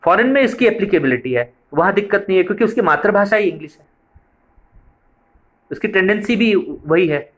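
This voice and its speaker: A man's voice: sits high, expressive, a little fast. Man giving a training lecture. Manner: explanatory, repeats points for emphasis. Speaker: preschool method trainer.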